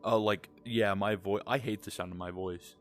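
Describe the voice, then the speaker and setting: A man's voice: on the low side, fairly even intonation, moderate pace, faint music behind. A young man with a Southern American accent, rambling candidly in a casual late-night podcast chat and swearing freely. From Southern United States. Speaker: podcast co-host.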